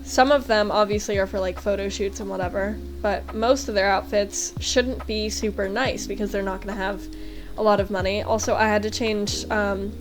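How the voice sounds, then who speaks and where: Young American woman, easygoing chatty game commentary with soft music under it. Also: medium pitch, fairly even intonation, normal speed. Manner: chatty, lots of fillers like um and like. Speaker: game vlogger. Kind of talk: casual voice-over commentary.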